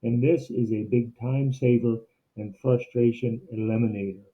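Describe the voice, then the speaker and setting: A man's voice: medium pitch, fairly even intonation, measured pace. A man giving an instructional screencast demo like a teacher, explaining things step by step. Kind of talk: instructional screencast narration, semi-scripted. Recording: muffled, narrow phone-like sound.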